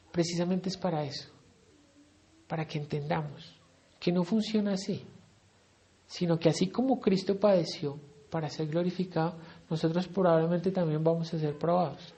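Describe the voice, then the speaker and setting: A middle-aged preacher with a Colombian accent teaches a Bible study sermon conversationally, frequently putting questions to his listeners. His voice sits high and is a little mellow.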